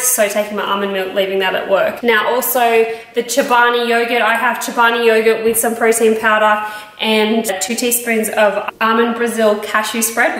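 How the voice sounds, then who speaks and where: Speaking to camera from her home kitchen, this Australian woman in her thirties, a health vlogger, casually explains how she cooks. Her pitch is medium and her tone a bit bright. Echo and background noise fill the recording.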